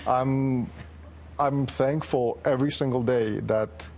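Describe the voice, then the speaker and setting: A man in his forties from Romania, a guest on a morning TV show, speaking earnestly with frequent pauses. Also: mid-range voice, slight background noise. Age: 40s. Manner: steady, earnest, many pauses with um. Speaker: guest, former patient. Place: TV studio set.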